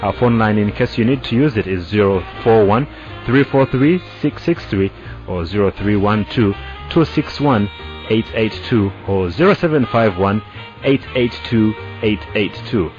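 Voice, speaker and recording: Guy hosting a radio show, steady clear announcing, music playing behind, muffled sound. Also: fairly low pitch, a little slow. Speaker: radio presenter.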